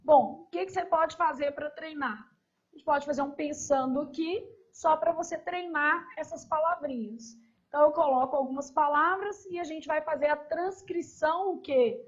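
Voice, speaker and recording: In this lo-fi recording of an exam review lesson, a female teacher speaks at a normal pace in a high voice. She takes the questions step by step and keeps checking in with short tag questions.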